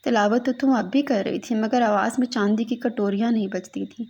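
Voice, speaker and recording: A woman's voice: on the high side, steady tone, a little mellow, slightly rough, lo-fi sound. A woman reading a literary story aloud as a mournful lament to a lost daughter.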